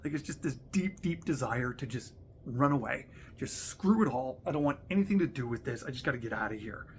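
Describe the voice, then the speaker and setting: A man's voice: medium pitch, animated, a little fast, slight background noise. A man talking in an earnest, conversational vlog, reading verses aloud with emphasis and often asking "right?". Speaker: leader sharing personal reflections. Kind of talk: casual reflective vlog talk with scripture reading.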